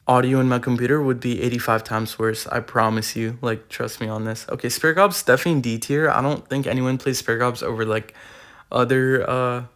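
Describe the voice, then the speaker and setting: A young man giving casual, slangy gaming commentary while ranking cards, full of fillers, his voice going a bit hoarse, recorded on a tablet. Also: medium pitch, fairly even intonation, a little fast, fairly bright tone. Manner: rambling, slangy, filler-heavy. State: losing his voice. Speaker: gaming YouTuber. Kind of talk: casual tier-list commentary. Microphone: iPad recording.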